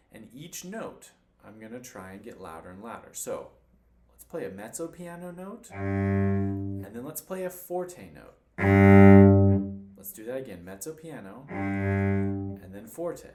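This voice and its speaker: A man teaching cello in a patient, encouraging way, counting beats aloud as he demonstrates. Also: medium pitch. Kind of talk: instructional demonstration. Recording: roomy room with faint noise.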